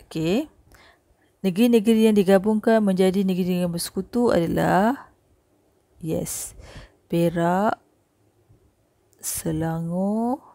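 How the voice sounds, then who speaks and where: A young woman with a Malaysian accent giving a recorded history lesson, chatty and peppering her points with quick "okay" and "eh" checks. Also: mid-range voice, mellow, dry recording. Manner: chatty, with frequent "okey", "eh" and "ha" checks. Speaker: history teacher.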